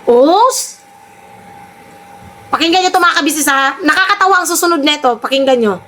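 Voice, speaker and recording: A woman's voice: sits high, expressive, normal speed, sharp tone, slight background noise. A woman giving mocking, sarcastic reaction commentary on clips, often teasing and laughing.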